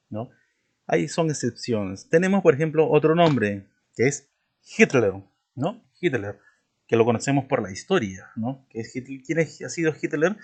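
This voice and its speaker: A male teacher gives a patient spelling lesson at a middle pitch, explaining step by step. He keeps checking in with his listener through repeated tag questions, and his voice is a little mellow.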